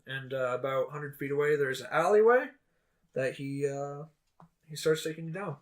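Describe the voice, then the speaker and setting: A man's voice: a little high, normal speed. A man narrating as dungeon master of a tabletop game, loose and rambling with many fillers.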